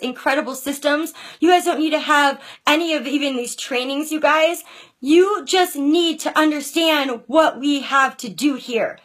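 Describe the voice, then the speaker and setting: A woman's voice: high voice, a bit bright. A young woman coach giving a passionate motivational talk to her team, preachy and emphatic, often repeating "you guys" and "okay?".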